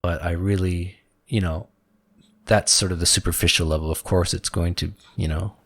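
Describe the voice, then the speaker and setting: A man with a low, gravelly voice shares a personal story on a spiritual talk show. He talks in an earnest, reflective way and leans on filler words. The sound is dry and close. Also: fairly even intonation, normal speed, no echo. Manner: reflective, earnest, many "you know" fillers. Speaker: podcast co-host.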